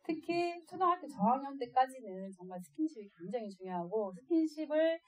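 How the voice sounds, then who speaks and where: A woman speaking as an adoptive mother to other parents, telling stories in a lively way and often laughing. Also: high voice, brisk, no echo. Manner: lively, acts out quoted voices and laughs often. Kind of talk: storytelling lecture to parents.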